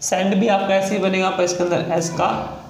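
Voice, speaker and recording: A man's voice: sits high, level tone, moderate pace, echoey room, rough recording. A man from India teaching a shorthand lesson, explaining step by step and spelling words out letter by letter. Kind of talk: classroom lesson.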